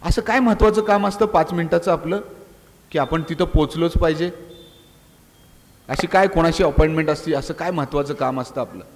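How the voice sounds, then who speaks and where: High-pitched man exhorting students in an echoing hall. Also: brisk. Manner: rhetorical questions, scolding and exhorting. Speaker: police inspector giving a talk. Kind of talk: animated public speech to students. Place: college auditorium. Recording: long hall reverb.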